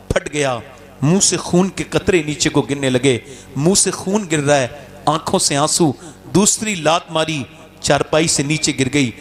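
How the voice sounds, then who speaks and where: A man preaching a religious sermon to a crowd, telling stories with passion and rising to shouts as he urges listeners to respond. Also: high-pitched. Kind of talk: Urdu religious sermon with storytelling.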